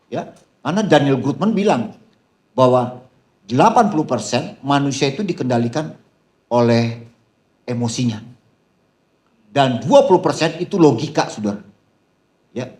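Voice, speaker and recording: A man preaching a sermon to a seminar audience as pastor, constantly calling out to the crowd and mixing scripture with teasing jokes. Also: medium pitch. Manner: addresses the crowd with repeated "saudara", teasing humor. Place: seminar hall.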